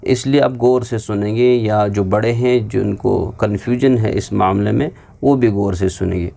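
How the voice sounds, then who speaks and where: A man teaching a lesson on Quran reading, spelling letters slowly and having listeners repeat after him, then explaining quickly. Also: medium pitch, vocal fry, darkish tone.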